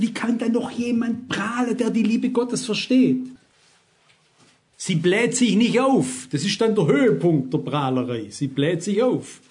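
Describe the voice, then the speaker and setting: A man's voice: high voice, a little mellow. Emphatic older male preacher. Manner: emphatic, keeps asking the listeners rhetorical questions. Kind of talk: sermon.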